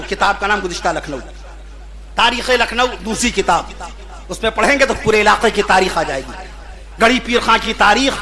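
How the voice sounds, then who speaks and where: A man preaching at a religious gathering. He builds long, repeated lists that swell into shouts, then stops to spell out the correct pronunciation of names. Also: high-pitched. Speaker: Islamic preacher. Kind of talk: impassioned sermon at a religious gathering.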